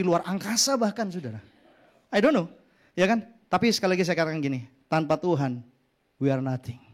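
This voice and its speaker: A male pastor preaching a sermon, telling stories with joking asides and often calling out to the congregation. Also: sits high. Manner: animated storytelling with joking asides; addresses congregation often as "saudara".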